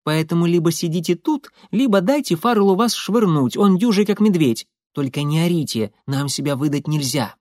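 A bold, practical young woman from an audiobook, put on by a man reading aloud. She speaks high and lively, brisk and commanding, as if nothing could stop her. The sound is close and dry. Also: no echo, close to an everyday voice. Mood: insistent. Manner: brisk, matter-of-fact, commanding. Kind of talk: audiobook character voice.

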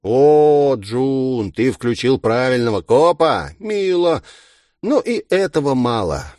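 A man's voice: mid-range voice, big pitch swings, slow, a little mellow, dry recording, clean studio sound, voice pushed up. A man voicing a gleeful, mocking murderous villain in a taunting, singsong manner. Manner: taunting, singsong, cruelly playful.

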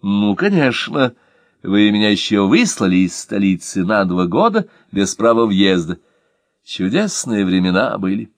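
A man's voice: fairly low pitch, very animated, a little slow, no echo, studio quality. A man reading an audiobook and voicing a nostalgic, effusive former cardsharp. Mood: cheerful.

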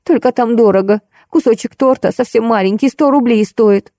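A woman's voice: on the high side, normal speed, dark tone, dry recording, clean studio sound, voice pushed up, natural voice. Woman voicing a plaintive plump office girl. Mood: complaining. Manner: plaintive, grumbling, easily weepy. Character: plump tearful young woman office clerk. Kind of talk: audiobook character voicing.

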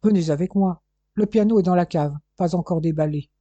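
A reader voicing a proud, quick-tempered young woman who speaks haughtily and indignantly. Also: mid-range voice, dark tone, no room sound, muffled recording, lightly acted. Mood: exasperated.

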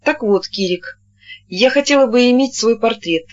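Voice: medium pitch, expressive, normal speed, lightly acted. A reader voicing a haughty, cold young woman who speaks with pride and challenge, on a dull lo-fi recording.

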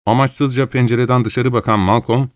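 A man's voice: brisk, no room sound, studio quality. A man reading a novel aloud as narrator, lifting his voice for the dialogue. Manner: raises pitch for dialogue, steady narration between. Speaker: audiobook narrator. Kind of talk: scripted narration of a novel, voicing all characters.

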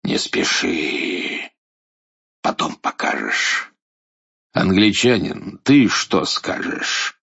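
Man playing a slow, menacing dark lord. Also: sits low, huge pitch swings, gravelly, breathy edge, dull audio, exaggerated voice. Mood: cold, commanding. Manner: slow, sinister, threatening dark-lord delivery. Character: menacing dark lord idol, tyrannical son of darkness. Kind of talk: verse fairy-tale play reading.

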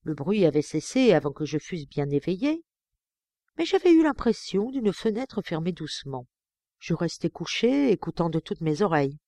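A woman narrating an audiobook in a measured, expressive first-person reading. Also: on the low side, no echo. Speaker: audiobook reader.

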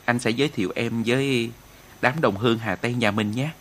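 A man's voice: mid-range voice, a little fast, a bit bright, a little hiss or hum, natural voice. A man voicing a bold, flirtatious male battalion commander with brash talk. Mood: flirting.

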